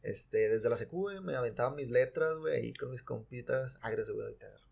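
A man's voice: medium pitch, animated, fast talker, gravelly, darkish tone, slightly rough. A man, a rapper guest chatting casually on a podcast at a desk mic, dropping slang constantly. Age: 20s. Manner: slangy, says güey constantly. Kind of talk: casual chat. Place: small studio with blue wall.

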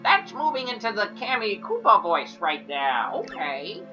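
A man hosts a video game playthrough with casual commentary. His voice sits lower than his character voices, and the recording is a little dull, with game music underneath. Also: huge pitch swings, a little slow, bright, forceful tone. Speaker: let's play host.

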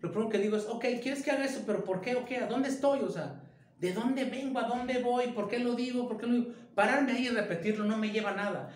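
A high-voiced man gives an informal acting lesson as a theater director. He talks emphatically and keeps throwing out rhetorical questions. His voice rings a little in an echoey room. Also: quick pace.

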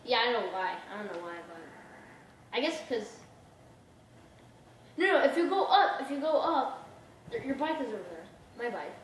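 A young woman chatting excitedly while playing a video game, with quick lively reactions. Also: fairly high pitch. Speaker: gamer. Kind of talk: casual gaming chat. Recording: very echoey room with some noise.

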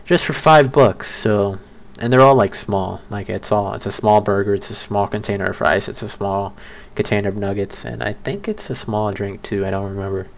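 Low-voiced young man rambling casually. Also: steady tone, moderate pace, creaky. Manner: rambling, self-correcting, chatty. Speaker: creator ranking fast food. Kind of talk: casual solo commentary.

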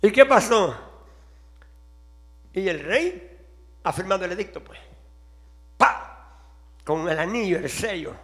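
High-voiced fervent preacher man. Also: lively intonation, slow, long pauses. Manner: fervent, shifting between quiet questions and shouting. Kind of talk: sermon.

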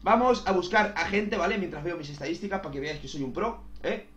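Young-sounding male gaming host, fairly high voice, hyped and profane, echoey room. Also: fast. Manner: excitable, swears, says "tío" constantly. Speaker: gaming youtuber. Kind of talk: casual gameplay commentary.

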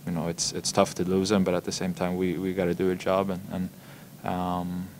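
A young man answers postgame questions at a press table in a very low, gravelly voice. He hesitates constantly, filling gaps with ums and doubled words, and his delivery stays flat, with little rise or fall. A faint hiss sits under the table mics. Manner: halting, many ums and repeated words. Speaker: hockey player. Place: press room in front of a logo backdrop. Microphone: table microphones in front of him.

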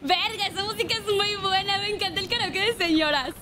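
A woman's voice: extremely high pitch, fairly quick, bright, forceful tone, slight background noise. A young woman with a Mexican accent, streaming a game and chatting casually, swearing and singing along now and then. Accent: Mexican Spanish.

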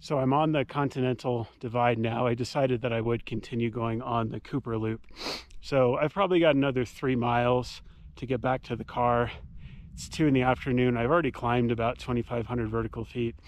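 Holding an action camera at arm's length on snowy mountain slopes, a middle-aged man casually narrates his backcountry ski tour with plain, matter-of-fact commentary. His medium-pitched voice is fairly even in intonation and a little fast, with slight background noise.

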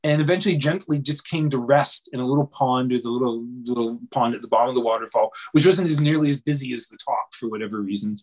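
A man, a dreamwork coach, telling a long personal story in a relaxed interview, with many pauses, restarts and fillers. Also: medium pitch. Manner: hesitant, many restarts and fillers, self-deprecating.

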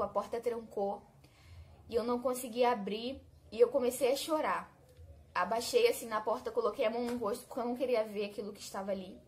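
A young adult woman with a Brazilian Portuguese accent, telling a personal faith testimony in a heartfelt, conversational way and often speaking straight to her listeners. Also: on the high side. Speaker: channel host sharing a testimony.

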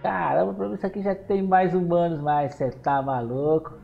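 Excitable Brazilian man playing a horror game. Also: fairly high pitch, normal speed, creaky, lo-fi sound, faint music behind. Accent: Brazilian Portuguese. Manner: excitable, exclaims and talks back to game characters. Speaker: gameplay streamer.

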